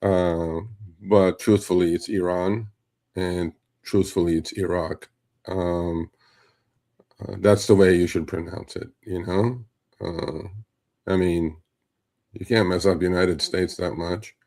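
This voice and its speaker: A man's voice: sits low, steady tone, takes it slowly, pauses often, dark tone. A middle-aged man from Turkey hosting a live show, talking in a rambling, conversational way with many fillers and asides. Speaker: host. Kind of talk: casual livestream commentary.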